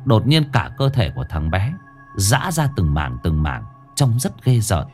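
A man reading a scripted ghost story as narrator, with expressive storytelling. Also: on the low side, measured pace. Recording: faint music behind.

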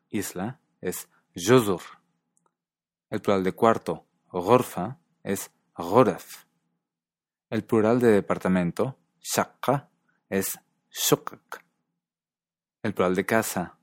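A man narrating a scripted language lesson in a calm, measured way, carefully pronouncing foreign example words. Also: sits low, no echo, studio quality.

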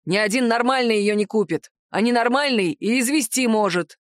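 A woman's voice: a little high, moderate pace, no echo, studio quality, natural voice. A woman voicing a stern fire-breathing male dragon lord who speaks harshly and barks his words. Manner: harsh, barking.

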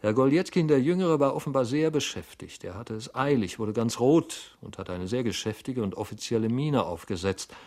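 A man narrating a classic novel in a measured audiobook reading. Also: mid-range voice, lively intonation, a little mellow.

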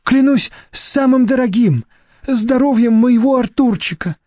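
A fawning, cowardly old museum official begs in a trembling voice, pitched up high and strained, as an audiobook reader puts him on. The timbre stays dark and the recording dry. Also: male voice, sing-song, measured pace, no echo, heavily acted. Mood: pleading. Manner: pleading, trembling, servile. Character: aging male museum deputy director, cowardly, fawning.

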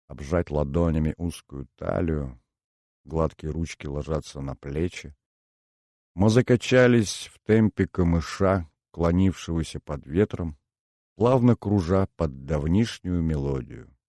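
A man reading a novel aloud in an unhurried, lyrical storytelling manner. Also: low voice, mellow, no echo, studio quality. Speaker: audiobook narrator. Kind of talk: scripted narration.

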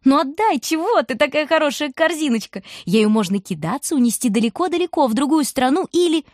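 A woman's voice: sits high, animated, a little fast, a little mellow, dry recording, studio quality, voice pushed up. A woman voicing a cruel, mocking storm wind in an audiobook, teasing and boastful. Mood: taunting. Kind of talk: audiobook reading.

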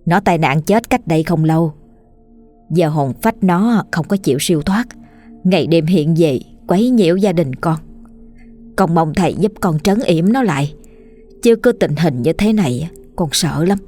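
A woman reads out a frightened older village wife in a spoken ghost story, pleading and anxious. Her voice sits low, with faint music underneath. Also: expressive, mellow. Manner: pleading, worried, hurried.

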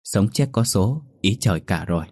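A man's voice: low voice, animated, moderate pace, darkish tone, breathy edge. A man playing a curt, aloof male shaman of about fifty, in a spoken ghost story. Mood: grave. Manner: curt, grave, dismissive.

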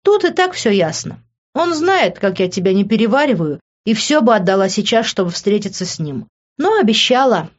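A woman's voice: medium pitch, sing-song, moderate pace, muffled recording, voice pushed up. A woman reading an audiobook, voicing a sassy young woman in a raised, playful voice. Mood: sighing. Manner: bright, playful, mocking.

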